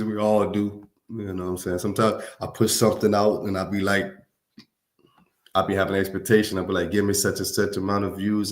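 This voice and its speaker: A man's voice: fairly low pitch, reverberant. A man from Louisiana, hosting a casual livestream, reading viewer comments and talking to them in a laid-back, slangy way. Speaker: livestream host.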